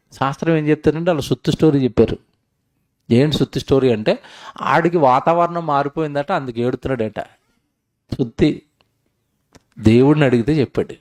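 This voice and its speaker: A man preaching a sermon at a Bible seminar, questioning his audience and swinging between hushed, tender lines and loud, rising exclamations. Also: on the high side.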